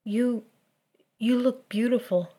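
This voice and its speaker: A brash, warm-hearted young man, once an athlete, voiced by a woman narrating a story. He blurts things out loudly and eagerly. The delivery is slow and unhurried. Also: on the high side.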